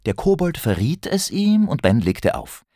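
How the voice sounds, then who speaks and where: A man narrating a children's story in an expressive storytelling manner, acting out the characters. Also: fairly high pitch, measured pace, no room sound, studio quality.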